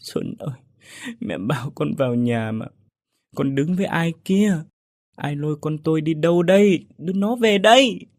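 A grief-stricken older mother wails for her lost son in a spoken ghost story, her voice pitched up and raw. A man puts her on. The delivery is husky and recorded dry. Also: big pitch swings, measured pace, a little mellow, no room sound, heavily acted. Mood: wailing. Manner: wailing, crying out.

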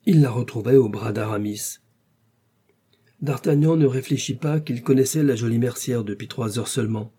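Mellow, husky male audiobook narrator. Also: medium pitch. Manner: measured, even storytelling. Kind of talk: scripted narration of a classic novel.

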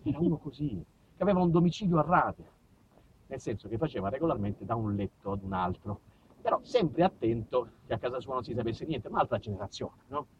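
An actor and storyteller from southern Italy, speaking with that region's accent, performs a colloquial, theatrical monologue about his own life, with dramatic shifts in delivery. His voice is medium-pitched, brisk and lively in intonation with a breathy edge. It is a dull, lo-fi stage recording made far from the mic.

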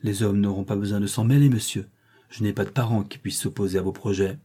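A man's voice: lowish voice, steady tone, quick pace, dark tone, breathy edge. A man voicing an earnest young governess. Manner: doubting, earnest, restrained. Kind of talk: audiobook character reading.

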